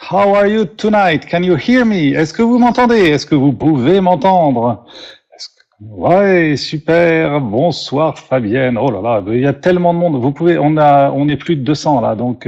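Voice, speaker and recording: A man's voice: fairly high pitch, a little mellow, dull audio. A French man hosting a live webinar as a company vice president, speaking English with a French accent and then translating himself into French, upbeat and full of fillers and restarts.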